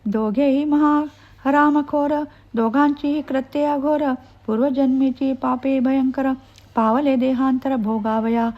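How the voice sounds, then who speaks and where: A woman recites devotional verse at an unhurried, deliberate pace. Her voice sits high and light, and each line flows in a measured, chant-like way. The recording sounds dull and lo-fi. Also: fairly even intonation. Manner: measured, chant-like delivery with occasional self-corrections. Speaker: devotional text reader.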